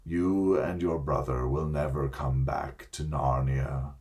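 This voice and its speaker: A man voicing a majestic, gentle male lion who speaks slowly, gravely and softly. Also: rumbling low, steady tone, pitched below the performer's own voice, full character voice. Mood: tender. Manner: slow, grave and soft-spoken.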